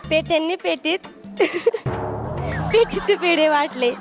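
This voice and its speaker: A woman's voice: very high voice, slow pace. A woman contestant with a Marathi accent, hesitantly stumbling through a tongue twister on stage. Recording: stage show with music.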